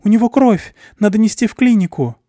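A man's voice: high-pitched, animated, a little fast, mellow, no echo, studio quality, voice pushed up. A man doing a frightened young blonde. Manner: shaky, frightened.

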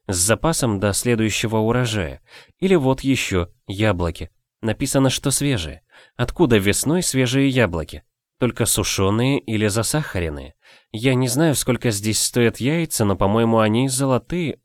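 A man reading an audiobook, voicing a spirited young noble wife in a raised, lively voice. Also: mid-range voice, dry recording, lightly acted. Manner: quick, lively, prickly.

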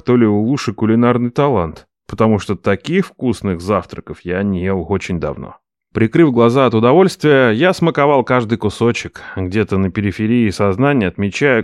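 A man reading first-person scripted narration in a dry, wry, expressive way. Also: mid-range voice, no room sound. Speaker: audiobook narrator.

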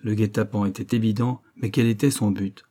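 Narrateur à la voix grave et sombre. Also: male voice, fairly low pitch, fairly even intonation, a little fast, mellow. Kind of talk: audiobook narration.

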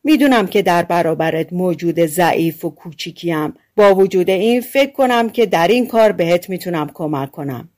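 A woman voicing a small, kind bee in an audiobook fairy tale, in a high, chirpy, sympathetic voice. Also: lively intonation, few pauses, darkish tone, natural voice. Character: small kind female bee, lively and helpful.

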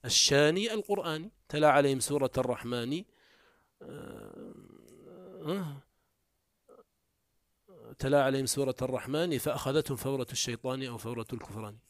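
A man giving a classroom lecture on Arabic morphology, explaining step by step, asking quick comprehension questions, and reciting rhymed prose examples. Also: no room sound, clean studio sound. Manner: shifts often between raised emphatic and low quiet delivery.

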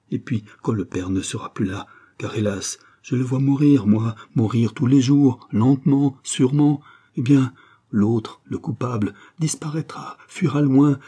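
A man's voice: on the low side, darkish tone, breathy edge. A man reading a novel aloud, voicing a desperate middle-aged mother who pleads for her son and husband in an anguished voice. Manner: pleading, anguished, rising to cries. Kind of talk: audiobook character reading.

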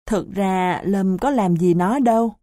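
A woman reading a children's novel aloud as a storybook narrator, in an unhurried, even reading manner. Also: mid-range voice, dry recording, studio quality. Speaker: audiobook narrator.

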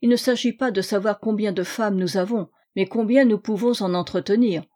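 A man's voice: high-pitched, fairly even intonation, a little fast, warm tone, natural voice. A woman doing a nasal, vain young suitor. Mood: boastful. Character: vain rich young man, rival suitor.

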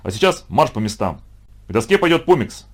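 A man voicing a stern, fussy older male math teacher who scolds and booms, in a storybook reading. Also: big pitch swings, a little fast. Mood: booming. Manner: scolding, booming.

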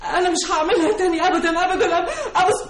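An actress with an Egyptian accent playing a frightened young maid who stammers and pleads in an old radio comedy. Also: female voice, very high-pitched, fairly even intonation, racing, roomy sound, a loud crowd. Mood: pleading. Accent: Egyptian Arabic. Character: frightened young female maid accused of theft.

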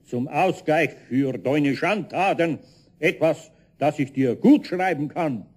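An actor playing a stern, solemn Saint Nicholas in a radio play, speaking deliberately and admonishing in a husky voice. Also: male voice, a little high, a little mellow. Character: stern, solemn Saint Nicholas, unhurried male judge of naughtiness. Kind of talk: German radio play acting.

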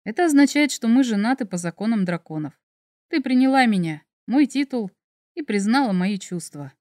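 A woman voicing a male dragon emperor who is teasing, tender and smug, speaking low and soft in an audiobook. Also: expressive, moderate pace, no room sound, clean studio sound, natural voice. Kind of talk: audiobook character voice.

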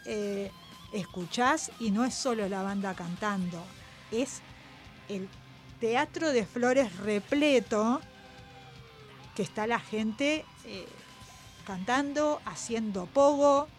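Argentine woman on the radio, higher voice, chatty storyteller, faint music behind. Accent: Argentine Spanish. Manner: animated storyteller, chatty with quick restarts. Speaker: radio co-host and concert reporter. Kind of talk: casual radio chat.

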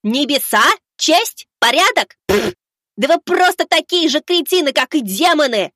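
A man voicing a stubborn, righteous young boy who shouts back in indignant defiance. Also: very high voice, expressive, normal speed, no echo, studio quality, pitched above the performer's own voice, exaggerated voice. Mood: furious.

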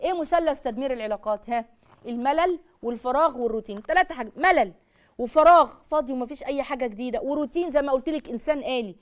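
A woman with an Egyptian accent giving a religious lesson on marriage, lively, acting out little dialogues and firing rhetorical questions at her listeners. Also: sits high, very fast. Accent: Egyptian Arabic. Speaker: lecturer on marriage and family.

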